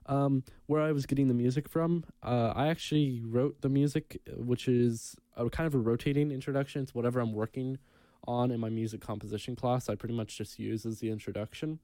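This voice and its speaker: Young male podcast co-host, warm mellow tone, dry close sound, relaxed with lots of ums. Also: medium pitch, fairly quick, no echo. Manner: relaxed, many ums, reads news aloud. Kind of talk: casual podcast chat.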